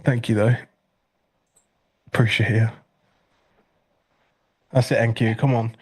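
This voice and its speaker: A man's voice: mid-range voice, flat delivery, slow pace, a little mellow, breathy edge. A congested British man hosting a live trading stream, chatting casually with dry, sarcastic humor. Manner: dry, sarcastic humor while reading chat.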